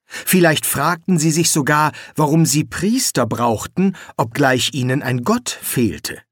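A man reading an audiobook in a measured, expressive storybook narration. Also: fairly high pitch, no room sound, clean studio sound.

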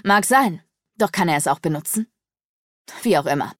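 A woman's voice: fairly low pitch, lively intonation, moderate pace, dry recording. An imperious male demon sorcerer, as a woman reader puts him on for an audiobook. He barks his orders harshly and raises his voice sharply. The recording is dry and close. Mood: haughty. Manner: commanding, snapping, harsh. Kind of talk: audiobook character voice.

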